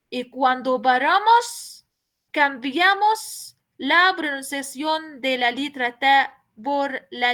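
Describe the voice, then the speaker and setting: An Arabic teacher with a high-pitched, slightly bright voice leads a language class. She explains patiently, repeats each point, and asks her students questions.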